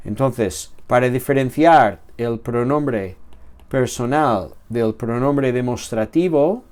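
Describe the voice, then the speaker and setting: A man teaches a grammar lesson at a slow, steady pace. His voice sits in a middle pitch, and he often pauses on "eh" and "am" while he repeats himself to explain. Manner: slow and explanatory, with fillers and restarts. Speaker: Greek teacher.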